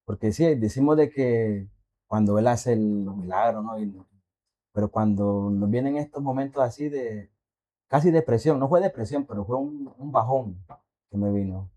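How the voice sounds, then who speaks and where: A man on a faith podcast telling a personal testimony in a halting, reflective way, asking the listeners questions. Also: mid-range voice, dark tone. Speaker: podcast co-host.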